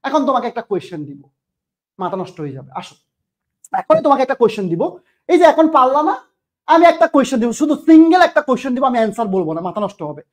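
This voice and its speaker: A woman's voice: high-pitched, sing-song, very fast. A woman teaching English grammar in an online admission-test lecture, scolding and firing questions at her students.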